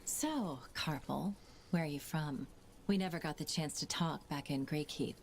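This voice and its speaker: A woman's voice: deep voice, unhurried, slight background noise. A woman voicing a young woman fighter who is a curious, lightly teasing older sister, in game cutscene dialogue.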